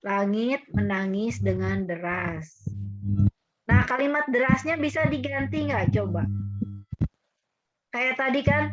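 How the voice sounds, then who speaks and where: A woman's voice: a little high, highs cut off. A woman teacher, leading an online class and coaxing her students with repeated questions.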